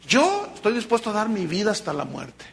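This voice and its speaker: Man doing brash boastful Peter, indignant protests, high bright voice. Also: wildly swooping pitch, a little fast, creaky, slight background noise, exaggerated voice. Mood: insistent.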